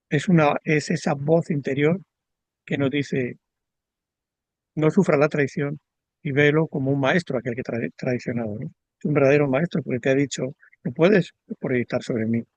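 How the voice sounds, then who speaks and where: An astrologer talks through ideas in a calm, measured, reflective conversation, often pausing to repeat himself and tagging lines with a quick "¿no?". His voice sits in an ordinary middle range, and the recording is dry and close with no room sound.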